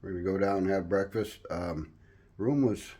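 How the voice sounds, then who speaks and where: A man's voice: deep voice, normal speed, mellow, slightly rough. A man chatting casually as he narrates a travel vlog. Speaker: travel vlogger. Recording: noisy handheld travel video.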